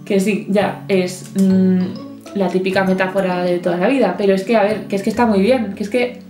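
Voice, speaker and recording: A woman from Spain giving a lively, chatty poetry lesson with playful asides. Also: medium pitch, moderate pace. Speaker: literature teacher. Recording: echoey room, soft guitar music.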